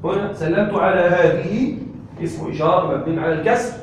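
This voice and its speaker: A man teaching Arabic grammar to a class. He keeps asking whether his students follow and repeats key terms slowly. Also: sits high, slight background noise. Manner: checks understanding with frequent questions to the class. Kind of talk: classroom lesson. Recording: echoey room, voice from a distance.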